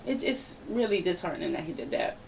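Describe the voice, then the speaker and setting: Animated woman ranting on a podcast. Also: on the low side, quick pace, vocal fry. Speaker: podcast host. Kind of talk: casual opinion chat. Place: home room, relaxed podcast setting. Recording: somewhat distant mic with faint background noise.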